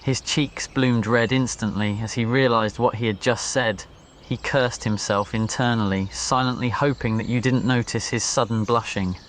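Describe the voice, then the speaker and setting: With crickets, birds and insects audible in the background, a male narrator reads a scripted ASMR story. His mid-range voice stays steady at normal speed, and there's slight hiss or hum on the recording.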